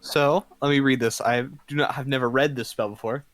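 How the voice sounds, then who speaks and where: A game master casually narrating and making rulings in a tabletop game, often pausing to think aloud. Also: medium pitch, fairly even intonation, a little hiss or hum.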